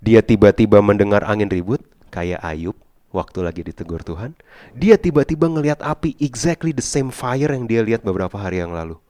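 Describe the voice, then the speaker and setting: Low-voiced pastor preaching. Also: male voice, lively intonation, fairly quick, dry recording, clean studio sound. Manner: Jakarta slang mixed with English, dramatic swings from loud to hushed. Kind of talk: sermon.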